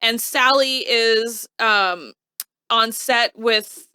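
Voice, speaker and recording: A woman's voice: on the high side, very slow, clean tone, no echo. Chatty woman recapping a TV show. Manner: chatty, animated retelling with quoted asides. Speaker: podcast co-host. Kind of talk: casual recap chat.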